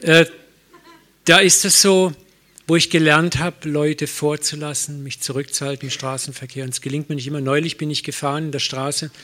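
A man's voice: on the high side, little pitch movement, normal speed, pushed and bright. A middle-aged man, a pastor, preaching a sermon in a conversational way, with anecdotes and self-mocking humor.

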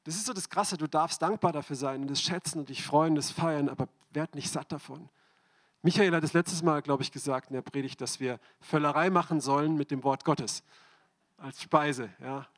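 A man's voice: on the high side, normal speed. A man preaching a sermon, speaking directly to the congregation and asking them repeated questions.

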